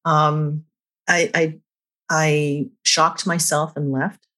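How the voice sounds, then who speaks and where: A middle-aged woman with a somewhat low voice shares her life story on a podcast with candid emphasis. She tells it as a guest numerologist would, frank and heartfelt. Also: flat delivery, very slow, bright, forceful tone. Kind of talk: personal storytelling in a podcast interview.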